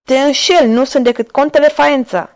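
A woman's voice: on the high side, expressive, darkish tone, close to an everyday voice. A woman voicing an old, lustful and domineering pope in a storybook reading, coaxing and intense.

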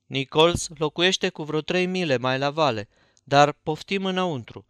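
Un bărbat care dă glas unui fermier bătrân, blând și ospitalitos, predicator la țară. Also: male voice, a little high, a bit bright, clean tone, no echo, clean studio sound, lightly acted. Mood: welcoming. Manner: hospitable, homely. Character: kindly, innocent old male farmer-preacher.

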